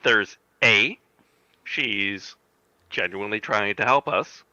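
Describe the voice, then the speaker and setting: A man's voice: on the low side, slow, bright, forceful tone, no echo, lo-fi sound. A man playing a tabletop game, talking in casual, joking banter.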